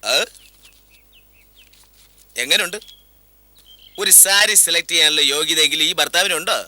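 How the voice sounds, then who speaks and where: A man's voice: a little high, moderate pace, bright, forceful tone. An actor playing a cheerful husband who jokes and teases his wife in a family scene of a TV serial. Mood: jovial. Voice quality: jovial, joking. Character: cheerful, teasing husband bringing a wedding gift. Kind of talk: TV serial acting.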